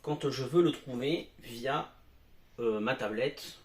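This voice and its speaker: A man's voice: medium pitch, takes it slowly, echoey room. A man giving a casual product demo at home as a tech reviewer, talking with many hesitations and fillers.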